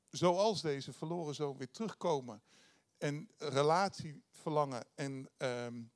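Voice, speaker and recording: A man preaching a sermon, retelling a parable in a conversational way, with frequent hesitations and restarts. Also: fairly high pitch.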